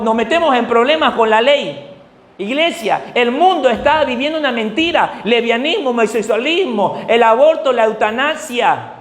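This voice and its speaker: Impassioned high-voiced Bolivian preacher. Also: male voice, reverberant. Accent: Bolivian Spanish. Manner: impassioned, fires rhetorical questions, rising to shouts. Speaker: pastor. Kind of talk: sermon.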